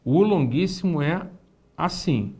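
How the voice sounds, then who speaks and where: A man, teaching an online lesson and speaking directly to the student, slowly spelling out and repeating words. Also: on the high side, lively intonation, a little mellow, breathy edge. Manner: didactic, addresses the student directly, slow careful spelling-out of words. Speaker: Hebrew teacher.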